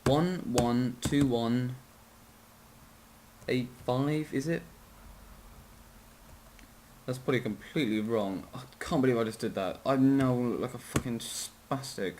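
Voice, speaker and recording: Yawning and drowsy, a man talks through a casual game tutorial in an ordinary mid-range voice with a darkish tone, unhurried and with long pauses. He rambles, keeps saying sorry, fumbles numbers and fixes them, and swears occasionally. A faint hiss sits beneath his voice.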